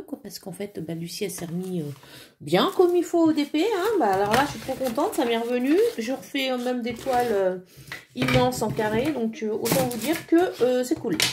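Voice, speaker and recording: A chatty woman with a slightly high voice, talking casually through a craft project at home. She thinks aloud, fills pauses with little sounds, and there is a faint hiss behind her. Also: darkish tone. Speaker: crafting vlogger. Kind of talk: casual hands-on crafting chat.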